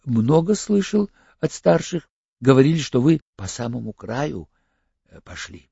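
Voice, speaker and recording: A man's voice: medium pitch, very animated, measured pace, creaky, dark tone, slightly rough, no room sound, muffled recording, exaggerated voice. A man voicing an eager, fawning young male errand boy who speaks in a servile way, in an audiobook.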